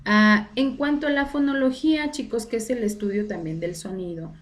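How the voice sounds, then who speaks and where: A woman's voice: fairly high pitch, normal speed. A woman teacher giving a recorded online class, explaining step by step and often checking in with her students. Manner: explanatory, frequent tag questions to students.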